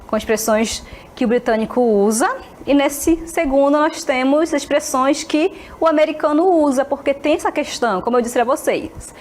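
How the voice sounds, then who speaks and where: A woman teaching an English lesson in a friendly way, checking in often with her class and slowing down to model phrases. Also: high-pitched, a little mellow, slight background noise. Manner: friendly, checks in constantly with short tags.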